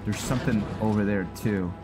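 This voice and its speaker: Over game music, a man with a fairly low, fairly quick voice plays a game and commentates casually. He thinks aloud as he goes, letting out mild exclamations.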